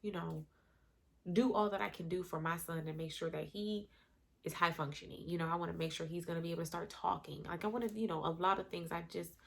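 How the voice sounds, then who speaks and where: Woman, thirties, deep voice with vocal fry, candid emotional storytime. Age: 30s. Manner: candid, emotional, conversational retelling. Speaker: vlogger. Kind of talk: personal storytime.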